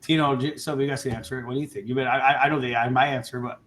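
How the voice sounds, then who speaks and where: Fast-talking, fired-up man hosting a panel. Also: medium pitch, steady tone, a bit bright, slight background noise. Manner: passionate, emphatic, interrupts. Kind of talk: casual panel discussion.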